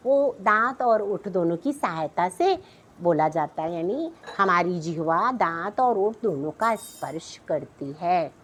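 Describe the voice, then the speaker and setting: Slow, patient woman teacher. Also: mid-range voice, fairly bright tone. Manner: slow, patient, repeats sounds and checks with "thik hai". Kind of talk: classroom lesson explaining a chart.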